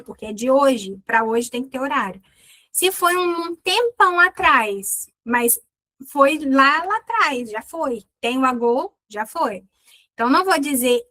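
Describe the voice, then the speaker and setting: A woman teaching English in Brazilian Portuguese, playful and lively, slowly drilling English words in her lessons. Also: sits high, no echo. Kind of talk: online class lesson.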